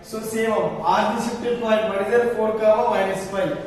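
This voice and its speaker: A man's voice: high voice, steady tone, moderate pace. A man with an Indian accent teaching maths, dictating step by step with repetition and short prompting questions. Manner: repetitive step-by-step dictating, stretching key phrases; prompts listeners with questions ending in "sir". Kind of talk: classroom maths lesson. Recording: very echoey room, distant mic, faint noise.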